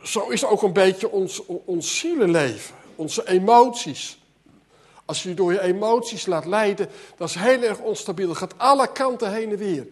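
A man's voice: sits high, animated, normal speed. A man preaching a sermon, earnest, often repeating words as his voice swells and sinks. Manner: earnest, repeats words, voice rises and drops sharply.

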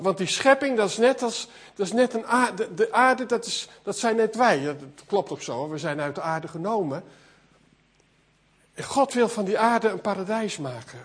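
Husky, high-voiced male preacher. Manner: earnest, repeats words when building a point. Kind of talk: sermon.

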